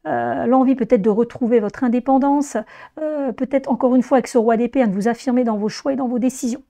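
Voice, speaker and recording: Hoarse, mellow woman reading tarot. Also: on the high side, fairly even intonation, fast. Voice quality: hoarse, strained voice. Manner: addresses viewers directly, explanatory. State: hoarse, voice weakened by laryngitis after flu. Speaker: tarot reader presenting a monthly horoscope reading. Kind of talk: informal spoken tarot reading to viewers.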